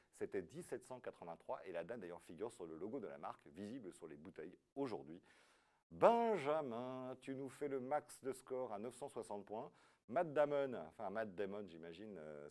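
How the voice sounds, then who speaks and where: A low-pitched, slightly mellow man hosts a live app quiz, his voice swooping up and down as he reads questions and tallies scores. Between answers he keeps a playful patter going with jokes.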